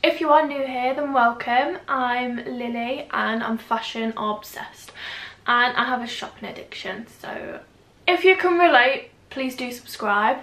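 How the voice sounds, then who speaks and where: A woman's voice: a little high, a little slow, pushed and bright, echoey room. A young woman, chatting casually and self-deprecatingly through a fashion try-on haul at home, rambling with fillers. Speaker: fashion vlogger. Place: indoor room at home.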